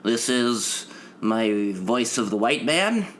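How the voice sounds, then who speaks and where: A man's voice: mid-range voice, very animated, slow, fairly bright tone, a little hiss or hum. A man voicing a prim, nerdy stereotyped man who speaks in a stiff, proper way.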